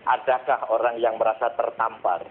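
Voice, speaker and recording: A man's voice: mid-range voice, level tone, normal speed, slight background noise. A man calling in to a talk show by phone, making an emphatic case with rhetorical questions. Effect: phone-line caller heard through a call-in line. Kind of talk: impassioned call-in commentary. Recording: tinny phone line.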